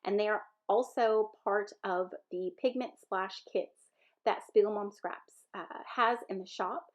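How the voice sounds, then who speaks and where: A woman's voice: mid-range voice, steady tone, measured pace. A woman with a Southern American accent and a stuffy nose, chatting casually through a craft voice-over and rambling with fillers and self-corrections. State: stuffy-nosed from a sinus infection. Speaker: scrapbooking video creator.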